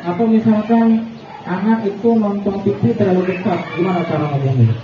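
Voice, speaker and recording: High-voiced chatty preacher, echoey distant room. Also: male voice, brisk. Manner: chatty, asks the audience questions, chuckles often. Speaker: preacher addressing parents. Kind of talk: casual religious talk to an audience. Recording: echoey, distant, dull, noisy room recording.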